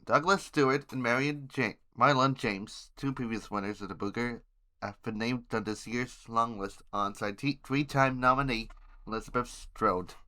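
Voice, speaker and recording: With fairly even intonation, a bright, forceful man at medium pitch reads the headlines on his homemade news podcast. His delivery halts, he fumbles words and names, and he adds informal asides.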